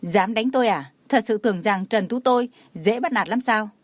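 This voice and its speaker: A woman's voice: mid-range voice, moderate pace, dry recording, lightly acted. A woman reading the lines of a spiteful, mocking young rich woman in a story. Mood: angry. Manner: taunting, scornful.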